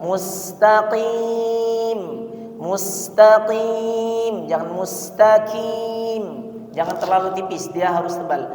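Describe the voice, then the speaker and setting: Slow, high-voiced man chanting verses. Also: darkish tone, distant mic, faint music behind. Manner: slow, patient teaching, chanting example verses between plain explanations. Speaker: religious teacher. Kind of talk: Ramadan mosque lesson on Quran recitation. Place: mosque hall. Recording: roomy, echoey mosque hall from afar, dull lo-fi sound.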